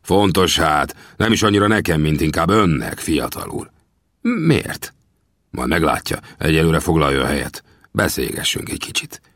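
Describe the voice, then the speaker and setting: A man voicing a gruff, lecturing older gunsmith in an audiobook, with brusque, scolding questions. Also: very deep voice, sing-song, a bit bright, no room sound, studio quality, exaggerated voice. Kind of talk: audiobook character voice.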